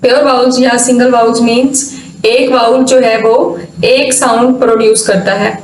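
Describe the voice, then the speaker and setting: Brief: female phonetics teacher, high voice, careful repetitions, distant echoey room sound. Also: steady tone, darkish tone. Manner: slow, careful, repeats example words. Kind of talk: explaining lesson in Urdu with English examples.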